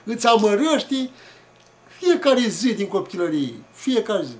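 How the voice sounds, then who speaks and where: A man tells a story from his childhood. His voice sits fairly high for a man, and his delivery is slow, reflective and homespun. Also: big pitch swings, a little mellow. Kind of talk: folksy oral storytelling.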